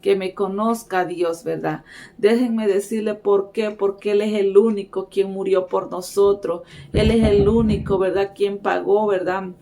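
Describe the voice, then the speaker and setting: A woman's voice: mid-range voice, fairly even intonation, unhurried, warm tone, slight background noise. A woman preaching a sermon, earnestly urging her listeners and tagging her phrases with a questioning filler. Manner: repeats "¿verdad?" as a filler, earnest exhortation.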